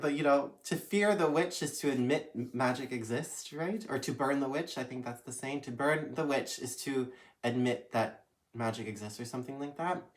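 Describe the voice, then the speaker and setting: Stuffy-sounding man vlogging in a relaxed, chatty way from a guest room, checking in with the viewer often. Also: medium pitch. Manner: chatty, frequent "right?" and "you know" tag questions. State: stuffy from a cold. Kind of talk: casual direct-to-camera chat. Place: his mother's guest room, indoors.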